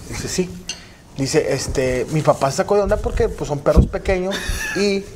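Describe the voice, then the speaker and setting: Mexican co-host, man, slightly high voice, rambling storyteller, light hiss. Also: animated, normal speed. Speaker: podcast co-host. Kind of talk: casual comedic chat.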